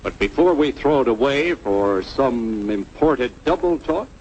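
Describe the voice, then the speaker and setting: A man playing a sensible, skeptical everyman in a vintage cartoon, reasoning in a folksy, unhurried way. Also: medium pitch. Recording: dull vintage cartoon soundtrack.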